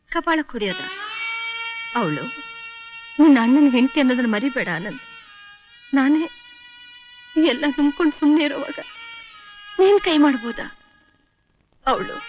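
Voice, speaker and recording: A middle-aged mother, firm, consoling, high voice that swoops around, film score under it. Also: highs cut off. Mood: scolding. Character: mother scolding and comforting, firm but caring. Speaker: film character. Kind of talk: melodramatic film acting. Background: film score music.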